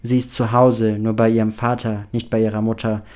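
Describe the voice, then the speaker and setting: A man's voice: on the low side, flat delivery, brisk, a little mellow, close to an everyday voice. A man reading aloud and voicing an anxious, earnest teenage boy. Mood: flustered.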